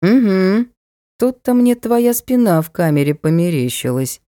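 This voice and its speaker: A woman's voice: medium pitch, sing-song, measured pace, warm tone, no room sound, clean studio sound. A woman voicing a blunt, mocking young male knight in an audiobook, brusque and matter-of-fact. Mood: teasing. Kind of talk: audiobook character voice.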